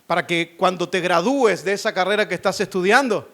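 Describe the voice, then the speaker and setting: A man's voice: sits high, brisk, a bit bright. A man preaching a fervent church sermon as pastor, repeating phrases for emphasis. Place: church service.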